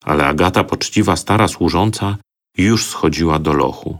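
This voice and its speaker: A man narrating a folk tale for an audiobook in a measured, solemn storytelling manner. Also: low voice, a bit bright.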